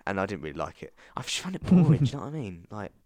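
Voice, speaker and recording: A man's voice: lowish voice, sing-song, rapid-fire, darkish tone, no echo. A man from England hosting a music podcast, chatting loosely and rambling, often laughing. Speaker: podcast host. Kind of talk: casual chat.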